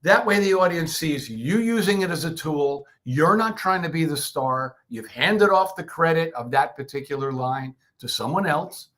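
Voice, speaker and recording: A man's voice: on the high side, lively intonation, moderate pace, few pauses, fairly bright tone. A man hosting a public speaking session, teaching in a loose, conversational way full of restarts and fillers. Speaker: co-host of a speaking workshop. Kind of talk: casual instructional talk.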